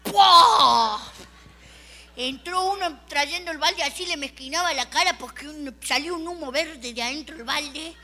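A woman's voice: high-pitched, normal speed, hardly any pauses, pushed and bright. A woman with an Argentine accent telling a comic monologue in the persona of a little girl. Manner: chatty, storytelling. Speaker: comedian.

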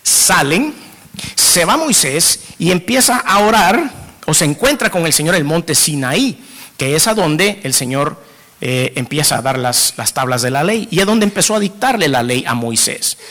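A man's voice: a little high, animated, moderate pace, sharp tone, in a large hall. A man preaching a sermon in a conversational way, often asking the congregation questions.

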